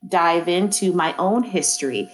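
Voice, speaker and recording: A reflective woman from East Oakland, slightly low-voiced, talks through her thoughts in a relaxed panel chat. She circles back and restarts often. The sound is close and dry. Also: unhurried, slight background noise, rough recording. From East Oakland, California. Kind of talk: casual panel conversation.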